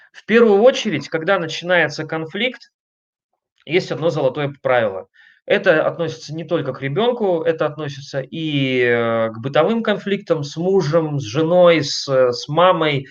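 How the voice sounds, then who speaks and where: A man giving an online lecture on family communication, talking emphatically and conversationally, putting questions to his listeners and pausing on fillers between points. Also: a little high, muffled recording. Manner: emphatic, conversational, addresses listeners directly with frequent rhetorical questions.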